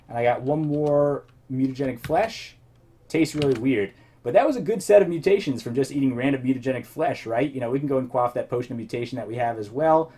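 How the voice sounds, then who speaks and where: A man's voice: medium pitch, dark tone. A man casually commenting on his own gameplay as host, thinking aloud and rambling, his voice a little worn. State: slightly losing his voice. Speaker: let's play host.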